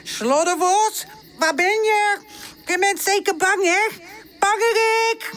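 Charlie, a woman doing a squeaky eager puppy boy. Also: unhurried, slight background noise, heavily acted. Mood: excited. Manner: excited, shouty, squeaky. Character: eager young male puppy nephew, bold and bouncy.

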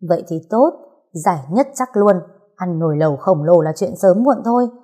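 A woman's voice: fairly low pitch, expressive, moderate pace, warm tone, slightly rough. A woman voicing a doting old grandfather in a storybook reading, coaxing and fawning.

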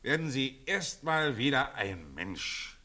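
An actor in a 1940s radio drama playing a condescending, jovial old colonel who laughs loudly and talks down to others. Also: male voice, big pitch swings, slow, exaggerated voice. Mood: patronizing. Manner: booming guffaws, patronizing.

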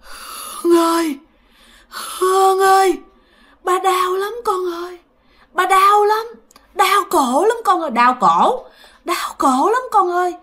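Woman putting on a raspy, wailing old ghost. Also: extremely high pitch, slow pace, long pauses, a bit bright, pitched above the performer's own voice, heavily acted. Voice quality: raspy, hoarse. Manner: pleading, wailing, repetitive. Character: tormented old grandfather ghost speaking through a medium.

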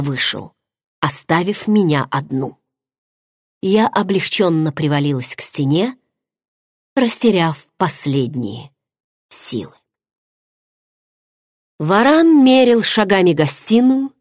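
A woman with a low, husky voice reads a romance novel aloud, bringing feeling and drama to each line. The recording is close and dry, with no room sound. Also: darkish tone, no room sound. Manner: emotive, dramatic reading. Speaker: audiobook narrator. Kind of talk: first-person novel narration.

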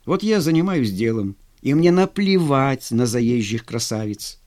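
A man's voice: mid-range voice, very animated, a little slow, a little mellow. A man reading a story, voicing a sober brother who lectures in a level way. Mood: lecturing.

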